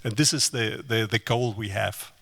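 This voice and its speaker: A man's voice: fairly low pitch, normal speed, gravelly, fairly bright tone, breathy edge. A man speaking on a panel in short, plain, matter-of-fact statements. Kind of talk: panel discussion.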